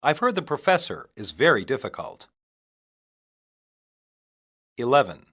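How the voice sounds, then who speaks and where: In this scripted language lesson, a male English teacher reads out practice phrases. His pitch sits in the middle, his intonation is lively, and he speaks deliberately, phrase by phrase, so learners can follow.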